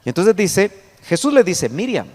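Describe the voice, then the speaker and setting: A male pastor gives a teaching sermon in a church hall, his fairly high voice swinging widely in pitch. He explains each verse patiently and reads scripture aloud with growing emphasis. A long reverb trails each phrase. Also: animated. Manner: explains verses slowly, pointing at a chart. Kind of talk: Bible study sermon.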